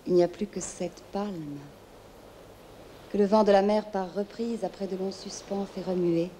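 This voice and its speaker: A woman's voice: mid-range voice, steady tone, a little slow, warm tone, slight background noise, natural voice. A woman playing a serene, consoling moon spirit in a theatrical film monologue, speaking lyrically in dreamy, lingering phrases. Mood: contemplative, pitying.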